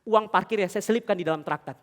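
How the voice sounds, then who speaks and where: Male pastor, middle-aged, sermon delivery; high register, roomy hall reverb, shifts between fervent and hushed. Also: fast talker. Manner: swings from loud, high preaching to quiet, confiding storytelling; addresses the congregation directly with questions. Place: large church hall. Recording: long church hall reverb.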